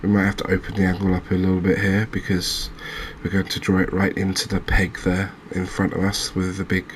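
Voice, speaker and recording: A gaming video host with a low voice narrates his gameplay in soft-spoken ASMR fashion. He muses along evenly and unhurriedly, relaxed and pausing often, with faint ambient noise in the background.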